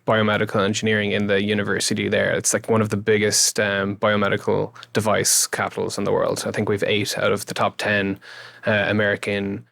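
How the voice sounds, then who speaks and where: A man in his thirties with a west of Ireland accent and a low voice that often drops into fry. He talks informally and loosely, rephrasing as he goes, like a guest in a relaxed interview. The sound is close and dry. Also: a little fast, no room sound. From Galway, west of Ireland. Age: 30s. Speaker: interview guest, YouTube creator and engineer. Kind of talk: casual interview chat.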